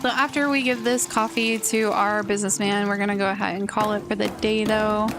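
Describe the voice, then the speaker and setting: A woman's voice: medium pitch, fairly even intonation, fairly quick. A young woman streamer chatting casually and thinking aloud while playing a game. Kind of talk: casual let's play commentary. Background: game music.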